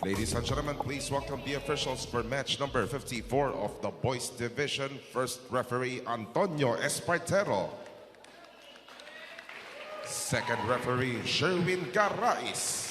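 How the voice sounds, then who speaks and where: A man working as an arena announcer, making formal introductions and drawing out names with emphatic, booming shouts. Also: measured pace, over music. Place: large indoor sports arena over PA. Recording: echoey sports hall with loud crowd noise.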